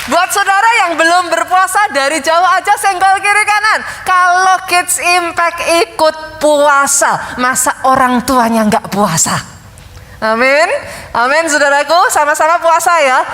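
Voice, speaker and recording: High-voiced woman pastor preaching. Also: normal speed. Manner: lively storytelling, addresses congregation often. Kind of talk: sermon. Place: large church hall. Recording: long hall reverb.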